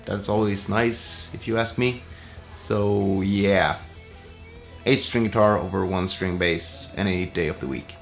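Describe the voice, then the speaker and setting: A man, a musician, answering viewer questions in a relaxed, rambling way full of fillers. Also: low voice, a little slow, creaky, faint music behind. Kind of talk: casual Q&A vlog.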